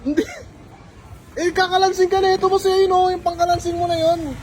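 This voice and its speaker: A man's voice: very high-pitched, flat delivery, a little fast, a little mellow, slight background noise. A man playing an exasperated customer in a comedy skit, accusing the vendor and swearing casually.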